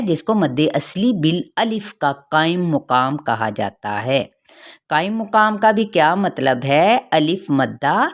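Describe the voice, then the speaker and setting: A woman teaching a tajweed lesson, patiently explaining recitation rules step by step and often checking in with her listeners. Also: low voice.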